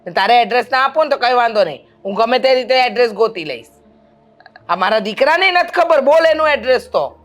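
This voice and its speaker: A woman playing a pushy middle-aged mother-in-law who wants a grandson, talking loudly and insistently in a family drama. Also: on the high side, expressive, fairly quick, faint music behind, close to an everyday voice. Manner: loud, insistent, scolding. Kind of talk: amateur family drama acting.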